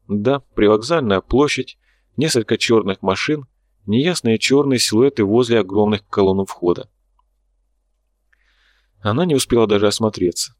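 A man narrating an audiobook in a steady, even storytelling voice. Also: lowish voice, no echo. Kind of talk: scripted narration.

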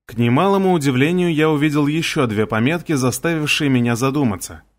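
A man narrating a first-person fantasy audiobook in a steady, measured way. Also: a little high.

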